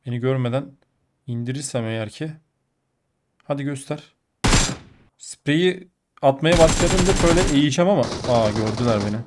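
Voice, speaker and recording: A sick man with a blocked nose and a muffled, nasal voice, giving excitable gameplay commentary that jumps between muttering and outbursts. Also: medium pitch, background noise. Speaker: mobile game player.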